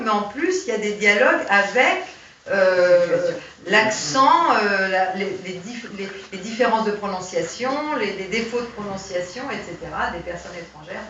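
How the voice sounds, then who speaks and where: Hesitant woman talking about poems, bright voice, roomy library hall, far from the mic. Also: medium pitch. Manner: hesitant, many fillers and restarts. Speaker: poetry reader at a lecture. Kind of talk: informal commentary on poems. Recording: roomy, distant, dull sound, faint hiss.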